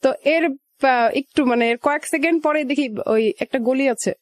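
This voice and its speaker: Talking fairly quickly in a high voice, a young woman with a Bangladeshi accent recounts her own life as a guest in a radio studio. The delivery is conversational, with remembered dialogue quoted along the way, and there's no echo.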